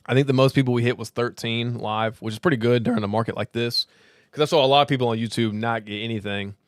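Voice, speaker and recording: A man's voice: on the low side, clear, resonant tone, no echo. Guy hosting a laid-back livestream, a little drunk, rambling and cursing, clean close sound. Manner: loose, rambling, swears freely, laughs often. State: tipsy, slurring slightly. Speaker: crypto livestream host. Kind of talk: casual livestream chat.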